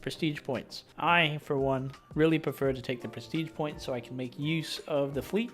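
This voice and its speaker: Young adult male gaming host, casual chatty commentary, easygoing self-deprecating read. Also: mid-range voice. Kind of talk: casual let's play commentary.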